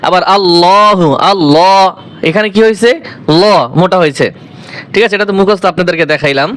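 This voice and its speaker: A male Quran teacher giving a lesson on letter pronunciation. He speaks patiently, drawing letters out slowly and asking questions before he answers them. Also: high-pitched, fairly bright tone, a little hiss or hum. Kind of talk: recitation lesson.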